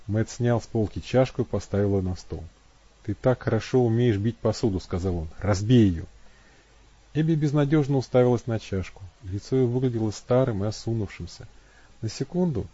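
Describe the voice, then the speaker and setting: A man reading a novel aloud as narrator, in steady, even storytelling. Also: medium pitch, breathy edge, dry recording, dull audio. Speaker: audiobook narrator. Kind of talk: scripted narration.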